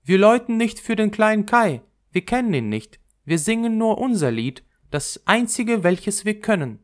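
A chorus of hyacinth bells in a storybook, aloof and sing-song. A man voices them, lifting his voice very high above his own. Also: sing-song, moderate pace.

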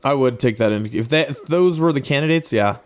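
A man's voice: medium pitch, clear, resonant tone. A young man co-hosting a casual sports podcast, rambling with many filler words. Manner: rapid, filler-heavy with lots of "like". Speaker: podcast co-host.

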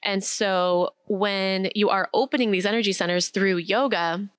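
A woman talking in a relaxed way as a guest, walking through ideas step by step with lists and quick asides. Her voice sits at an ordinary pitch, and the sound is dry and close with no room echo. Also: clear, resonant tone. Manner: warm-paced teaching, lists and examples, quick asides. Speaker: guest, spiritual success coach. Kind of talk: casual explanatory chat.

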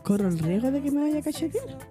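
Chilean chick hosting a chat show, high animated voice, music playing under. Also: female voice. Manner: playful, teasing, quick banter. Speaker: podcast co-host. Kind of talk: casual chat.

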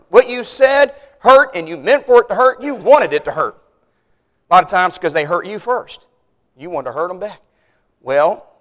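A male pastor with a high voice preaches in a church sanctuary. He tells stories with animation, climbs loud at the punchlines, then sinks low and earnest. A long hall reverb trails each phrase. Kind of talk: sermon.

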